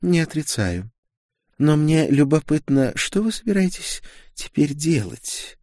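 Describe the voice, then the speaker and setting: A man's voice: medium pitch, expressive, moderate pace, a little mellow, no room sound, studio quality, pitched above the performer's own voice, close to an everyday voice. A man reading an audiobook, voicing a proud young witch with a silky, mockingly polite and scornful manner. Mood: scornful politeness. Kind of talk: audiobook character voice.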